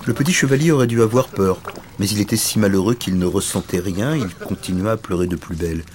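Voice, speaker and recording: A middle-aged man reading a children's story aloud in an expressive, playful way. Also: lowish voice, fast, noisy background.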